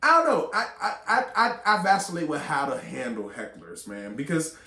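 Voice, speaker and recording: A man hosting a casual chat among comedians, animated and laughing often, with slangy talk. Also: a little high, moderate pace. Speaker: podcast host and comedian. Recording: roomy echo.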